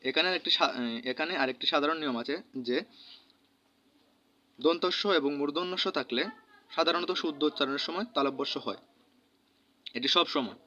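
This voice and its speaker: A man with a Bangladeshi Bengali accent teaching a grammar lesson, saying each example word slowly and repeating it. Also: on the high side, bright, forceful tone. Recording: dull lo-fi recording.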